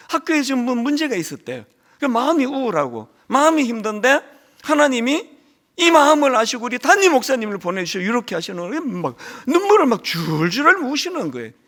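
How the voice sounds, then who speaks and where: A man's voice: extremely high pitch, a bit bright. A man preaching a sermon as a pastor, telling stories and acting out the voices of his church members. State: lingering cold.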